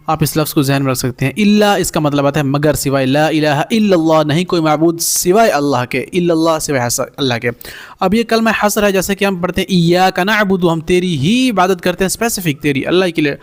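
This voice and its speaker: A man who teaches a recorded Quranic Arabic class. His voice sits a little above the usual male range. He draws out each Arabic phrase slowly, then explains it in plain, everyday words. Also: a little high, lively intonation. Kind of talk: recorded language lesson.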